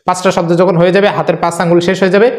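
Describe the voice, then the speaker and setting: A man teaching a religious lesson on prayer recitation, earnest and instructive, repeating phrases slowly for learners. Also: high-pitched, level tone, a little mellow, roomy sound.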